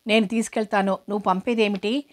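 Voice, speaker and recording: A woman's voice: mid-range voice, fairly even intonation, brisk, lightly acted. A woman reading the lines of a stern, impatient scheming woman in a storybook reading.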